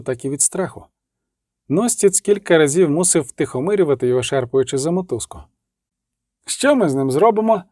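Male audiobook narrator, expressive and measured, warm dark timbre. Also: on the high side, no echo, studio quality. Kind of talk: scripted narration.

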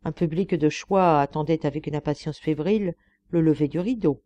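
A woman reading a novel aloud as an audiobook narrator, in a steady, measured storytelling manner. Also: low voice, dull audio. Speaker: audiobook reader.

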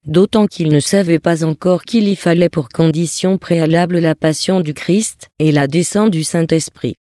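A reader gives a steady, even scripted narration of a religious text. The tone is mellow and warm, and the recording is dry, with no room sound. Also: mid-range voice, dry recording. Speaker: audiobook reader.

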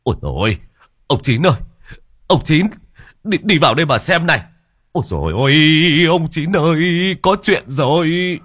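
A man's voice: fairly high pitch, sing-song, moderate pace, a bit bright, husky, voice pushed up, full character voice. A man voicing a panicked villager who wails and calls frantically from a back room. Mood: frantic. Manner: wailing, frantic calling.

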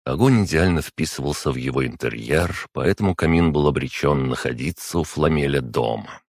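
Male audiobook narrator, extremely low voice, measured steady reading, dry close mic. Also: vocal fry, dry recording. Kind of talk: scripted narration.

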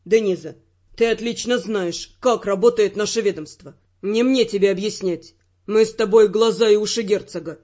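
A woman's voice: medium pitch, moderate pace, mellow, dull audio, voice pushed down, close to an everyday voice. A woman voicing a wry, persistent young male secret agent who argues his point evenly. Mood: earnest.

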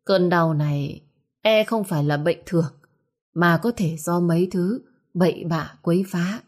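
A woman voicing a cautious older male healer who speaks gravely and deferentially. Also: on the low side, unhurried, darkish tone.

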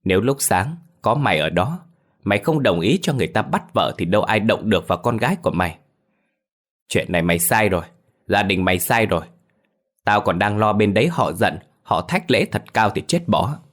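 A man's voice: fairly low pitch, expressive, brisk, a bit bright. A man voicing an arrogant, mocking elderly clan head who domineers over his relatives in an audio ghost story. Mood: scornful.

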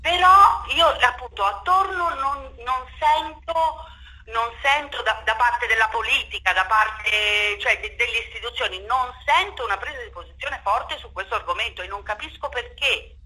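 A woman with a slightly high, sharp-toned voice speaks at normal speed on a rough recording. She's a theatre director in a spontaneous radio interview, talking emphatically and passionately, repeating words and asking for agreement.

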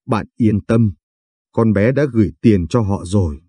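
A man voicing a gentle older mother in an audio story, speaking in a soft, soothing way with a dark, husky voice. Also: fairly low pitch, a little slow, dry recording, studio quality. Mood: reassuring.

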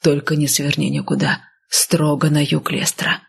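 A doomed, stubborn man speaking curtly through clenched teeth, as a woman narrator puts him on. The voice sits low and gravelly with a husky edge. He reads as a grim audiobook character, bound to death and unwilling to bend. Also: level tone, moderate pace, full character voice.

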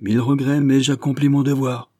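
A stern, insistent deputy sheriff, as a man acts him out in an audiobook reading. He sits higher than the reader's own low voice and pushes his words out loud. The voice stays husky and dark, in a dry room. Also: level tone, moderate pace, no echo, natural voice. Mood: commanding. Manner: commanding, insistent. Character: determined male American deputy sheriff.

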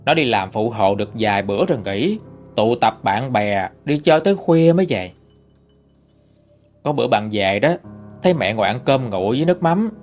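A man's voice: mid-range voice, lively intonation, normal speed, a little mellow, soft background music. A man narrating listener stories in a conversational storytelling manner. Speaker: ghost story channel narrator. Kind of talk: reading listener-sent stories.

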